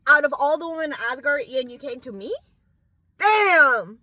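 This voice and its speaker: A woman's voice: high-pitched, animated, moderate pace, pushed and bright, dry recording. A young woman guest in a casual car chat who giggles, swears and often trails off mid-sentence. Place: front seat of a car.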